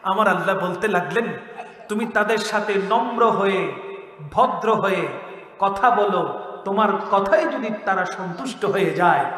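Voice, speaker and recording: A man preaching a sermon to a crowd. He chants Quranic verses, shouts warnings and calls on the listeners to answer him. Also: sits high, unhurried. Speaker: Islamic preacher. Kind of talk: Bengali waz sermon. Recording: echoey hall with reverb.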